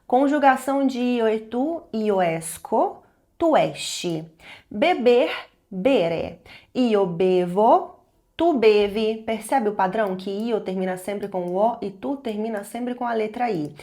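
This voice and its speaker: A young Brazilian woman in her twenties teaches an online language lesson at a mid-range pitch. She slows down and leans on each example phrase so the learner can catch it. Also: a little mellow. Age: 20s.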